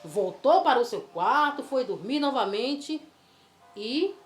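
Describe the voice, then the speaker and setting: A woman's voice: fairly high pitch, slow, a little hiss or hum. Woman telling a children's Bible story. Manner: animated, coaxing, asks the child questions. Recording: roomy with faint music.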